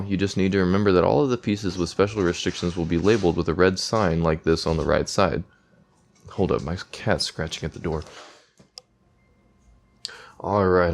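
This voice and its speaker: Low-pitched male gamer, reads game text aloud, chats between lines. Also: vocal fry. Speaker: let's play gamer. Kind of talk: game playthrough commentary, reading text aloud.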